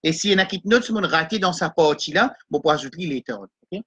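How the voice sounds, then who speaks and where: A woman teaching Quran reading in a live class. She explains the letters step by step and chants verses slowly. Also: low-pitched, animated, fairly bright tone, breathy edge.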